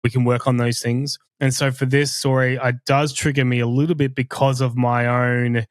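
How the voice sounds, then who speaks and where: This podcast co-host's medium-pitched voice holds a level tone as he talks candidly and earnestly. He sounds confessional, often breaking off to restart. The recording is dry and of studio quality.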